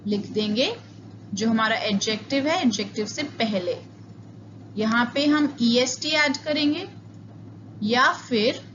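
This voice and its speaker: A woman's voice: fairly high pitch, dull audio, background noise. A woman with an Indian accent teaching an online English grammar lecture, explaining step by step and switching between Hindi and English. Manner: slow, deliberate explaining, mixing Hindi and English.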